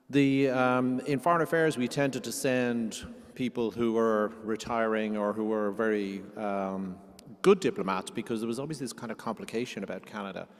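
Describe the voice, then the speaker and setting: A middle-aged Irish man, a diplomat, giving a rambling anecdotal talk full of fillers and restarts. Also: mid-range voice. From Ireland. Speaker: diplomat, guest speaker. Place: cathedral. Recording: long hall reverb in a cathedral.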